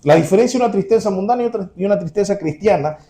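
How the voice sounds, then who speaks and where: A man's voice: high voice, lively intonation, rapid-fire, dark tone. A man preaching a sermon to his congregation, earnest and direct, repeating his key points.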